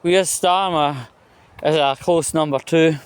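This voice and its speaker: A Scottish man vlogs a rambling, conversational political monologue in a slow, clean, fairly high voice. He's blunt, sweary and opinionated, and he keeps checking in with tag questions.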